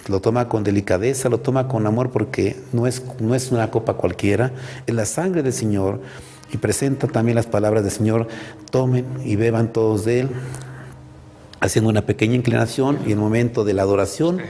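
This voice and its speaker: A male priest with a Mexican Spanish accent speaks in a low, mellow voice. His delivery is reflective and explanatory, with halting restarts. The sound carries a long hall reverb, and faint music plays underneath. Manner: reflective, with frequent "¿verdad?" and halting repetitions. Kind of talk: explanatory religious teaching.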